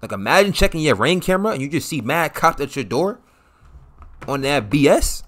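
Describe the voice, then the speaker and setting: A man's voice: fairly high pitch, very animated, a little fast, a bit bright. A man hosting a reaction video, giving casual, slangy commentary indoors. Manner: slangy, informal. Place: small room indoors.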